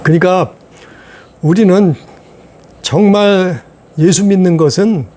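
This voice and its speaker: Guy pastor w a high voice preaching, keeps repeating himself and asking questions back. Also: takes it slowly, warm tone, slight background noise. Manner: repetitive preaching with rhetorical questions. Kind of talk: sermon.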